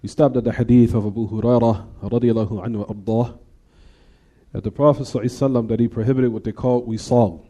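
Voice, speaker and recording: In a warm, medium-pitched voice, a man teaches a hadith class, explaining in English and reciting passages in Arabic. He is an Islamic teacher who often quizzes his students by asking "what?"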